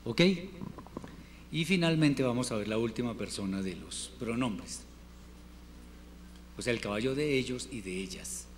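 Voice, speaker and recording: Slow, patient male teacher in a hall. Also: medium pitch, lively intonation. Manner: patient, repeats words slowly for students. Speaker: Hebrew teacher. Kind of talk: classroom lesson. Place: classroom. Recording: reverberant room with faint noise.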